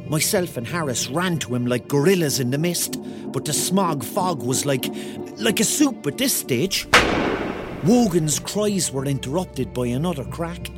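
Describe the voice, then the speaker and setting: An actor voices a wry, dreamy thirty-year-old from Cork, Ireland, narrating a radio drama as its lead character with a Cork Irish accent and colloquial phrasing. His voice is on the high side with lively intonation and a measured pace, and the mood is tense storytelling. Music plays in the background.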